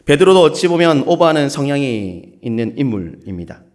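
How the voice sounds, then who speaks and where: Gyeongsang pastor preaching, playful, voice all over the place, medium pitch. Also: male voice, brisk. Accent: Gyeongsang Korean. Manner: playful, with lively acted quotes. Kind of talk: sermon.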